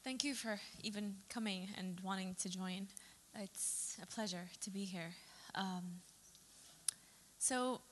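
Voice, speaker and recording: A woman's voice: medium pitch, takes it slowly, a little hiss or hum. A young adult woman, a photographer from Saudi Arabia, giving a chatty presentation talk with fillers and self-corrections. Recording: long reverb of a hall.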